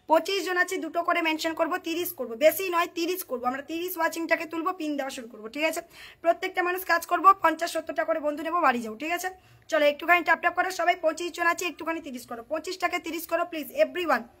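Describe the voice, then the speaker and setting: A woman hosts a casual live stream. She reads out comments and keeps urging viewers, over and over, to tap, share and mention friends. Her voice is high and she talks fast. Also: a bit bright.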